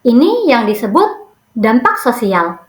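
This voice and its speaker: Chatty woman podcast host, higher voice. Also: very animated, measured pace, roomy sound. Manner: chatty, addresses listeners directly with rhetorical questions. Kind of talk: casual scripted podcast narration.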